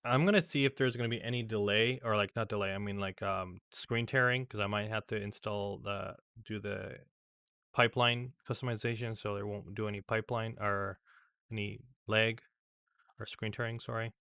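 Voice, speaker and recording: Halting, gravelly man narrating a screen recording. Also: fairly low pitch, fairly even intonation, sharp tone, no room sound, studio quality. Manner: rambling, halting, many fillers and restarts. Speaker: tech vlogger. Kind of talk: casual screen-recording commentary.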